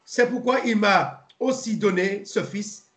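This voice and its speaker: A man leading an informal Bible study, pausing, repeating words and spelling names out letter by letter. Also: sits high, fairly bright tone. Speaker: Bible teacher. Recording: roomy echo.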